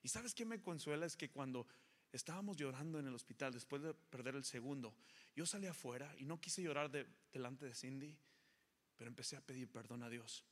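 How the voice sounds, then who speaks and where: A man in his thirties preaching a bilingual sermon as a pastor, switching between Spanish and English and building to forceful exhortation. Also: medium pitch, fairly quick. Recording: echoey hall with long reverb.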